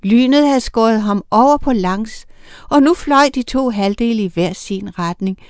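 A woman narrating a children's storybook in a lively, expressive reading voice. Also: on the high side, clear, resonant tone, no echo.

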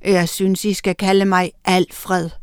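A woman's voice: fairly low pitch, level tone, clean tone, no room sound, clean studio sound, close to an everyday voice. A woman voicing a male teacher who has turned kind and speaks mildly, in a storybook reading. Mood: friendly. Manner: kindly and mild. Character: formerly strict male teacher, now friendly.

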